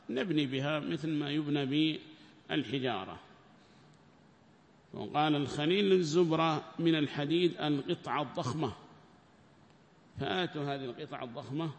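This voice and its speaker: A man giving a Quran commentary lesson who explains slowly, repeats his phrases and puts questions to his listeners. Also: on the high side, big-room sound, slight background noise. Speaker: Quran teacher.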